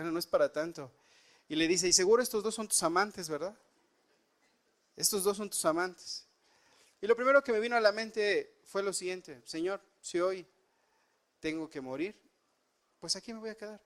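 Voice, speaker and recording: A man's voice: a little high, fairly bright tone. A man preaching a sermon, telling a personal story earnestly and rising and dropping his voice for emphasis. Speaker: pastor.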